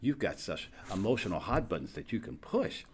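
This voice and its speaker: Over a noisy background, a brisk, very animated man with a fairly low pitch hosts a casual interview chat. As a branding coach, he guides his guest and illustrates ideas with everyday examples.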